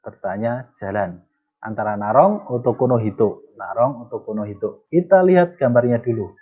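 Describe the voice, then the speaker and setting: A man teaching Japanese in a casual lesson. He reads example sentences slowly, then translates and explains them. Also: mid-range voice, lively intonation, husky. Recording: tinny phone-like audio.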